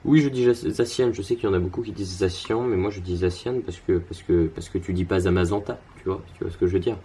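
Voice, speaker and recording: A man's voice: sits low, steady tone, fast talker, warm tone, husky. A young man casually commenting on his card game as he plays, thinking aloud with lots of fillers and restarts, tired and yawning.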